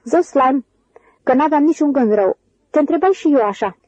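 A woman's voice: high voice, lively intonation, warm tone, no echo, dull audio, voice pushed up. A woman voicing a short-tempered young ranch man who taunts and picks fights, read in an audiobook. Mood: wheedling.

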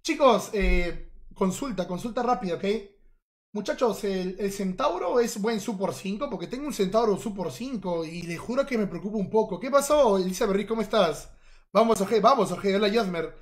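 A man giving casual, teasing live-stream commentary while he plays and chats with his viewers. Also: high-pitched. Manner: playful, teasing, chatty with viewers. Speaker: game streamer.

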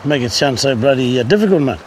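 A man's voice: medium pitch, animated, quick pace, slight background noise. A middle-aged New Zealand man with a Kiwi accent, chatting casually outdoors as host of a hunting show. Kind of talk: casual chat. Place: outdoors in open country and by a river.

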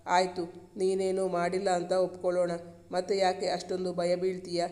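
Man reading young husband, gentle, earnest, high voice, monotone. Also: normal speed, lightly acted. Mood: tender, reassuring. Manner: soft, soothing and earnest. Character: caring protective young husband, gentle but firm.

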